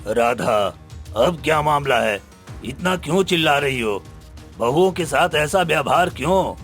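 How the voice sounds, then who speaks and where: A man's voice: a little high, expressive, unhurried, a bit bright, faint music behind. A man playing a puzzled middle-aged husband in a cartoon, questioning.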